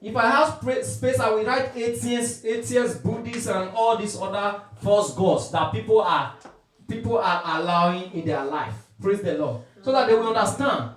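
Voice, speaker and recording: A man's voice: high-pitched, normal speed. A man preaching a sermon with emphatic call-and-response, quoting scripture. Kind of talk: street sermon. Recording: echoey, from far off the mic.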